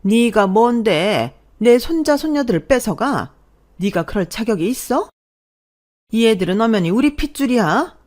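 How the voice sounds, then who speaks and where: A woman voicing a domineering middle-aged mother-in-law who shouts and scolds in a radio drama. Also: on the high side, animated, moderate pace, pitched above the performer's own voice, lightly acted. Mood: furious. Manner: shouting, accusing, loud. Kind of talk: Korean radio drama acting.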